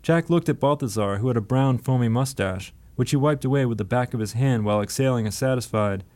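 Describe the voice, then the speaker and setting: A man reads his own novel aloud for a radio program, keeping a steady, even storytelling manner. His voice sits at an ordinary middle pitch. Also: a little fast. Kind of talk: audiobook narration.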